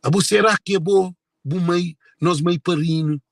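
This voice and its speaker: In an emotional address to viewers about his family, a Cape Verdean man keeps repeating and looping back to his words. He has a high voice with vocal fry and fairly even intonation, speaking at a normal speed, and the recording has no room sound.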